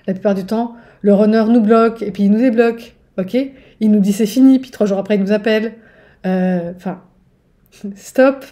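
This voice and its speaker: Woman coach talking straight to listeners, warm dark tone, mid pitch, loose and rambling. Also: fairly even intonation, a little fast. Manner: chatty, keeps checking in with "ok?"; digressive, with restarts. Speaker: spiritual relationship coach. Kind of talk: casual teaching monologue.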